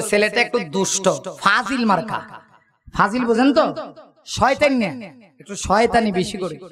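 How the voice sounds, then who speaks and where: A man with a strikingly high voice delivers a dramatic waz sermon. He swings from shouting to quiet asides and mimics regional speech for his listeners. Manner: acts out regional dialects for the crowd. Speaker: preacher.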